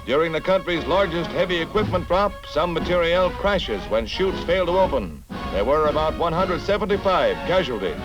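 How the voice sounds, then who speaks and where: Brisk 1950s newsreel announcer, man. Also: on the high side, sing-song, lo-fi sound. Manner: brisk, punchy announcer delivery. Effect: old 1950s newsreel sound. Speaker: newsreel narrator. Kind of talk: scripted newsreel narration. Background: newsreel music.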